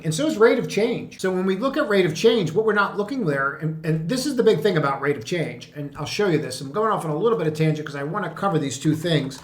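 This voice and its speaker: A man explaining stock charts in a casual, animated way, asking rhetorical questions and chuckling at his own points. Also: a little high, roomy sound. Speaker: trading educator. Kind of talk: chart walkthrough commentary.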